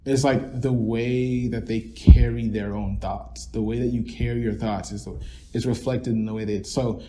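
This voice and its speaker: Mellow-voiced young man, rambling. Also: mid-range voice, fairly even intonation, normal speed, a little hiss or hum. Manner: rambling, many fillers and restarts. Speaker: podcast co-host. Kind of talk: casual reflective chat.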